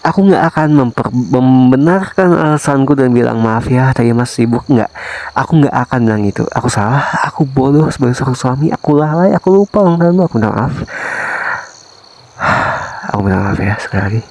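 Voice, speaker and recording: A man voicing a remorseful young husband softly pleading with his wife, in a whispered role-play that sprinkles in English phrases. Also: medium pitch, lively intonation, a little fast, slight background noise, close to an everyday voice, low-quality recording. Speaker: ASMR voice actor.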